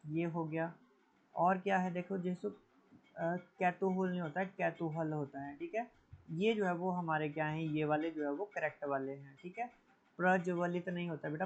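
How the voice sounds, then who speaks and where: Gravelly guy coaching students, fairly high voice, dull lo-fi audio. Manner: addresses students as beta, repeats corrections with "theek hai". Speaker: Hindi teacher for exam prep. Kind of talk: exam coaching lesson. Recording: dull lo-fi recording.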